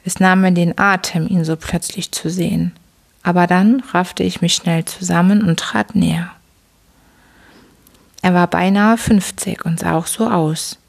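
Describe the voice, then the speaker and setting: A woman hosting a sleep podcast, reading a bedtime story aloud in a soft, slow, whispery voice. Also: fairly low pitch, fairly even intonation, gravelly.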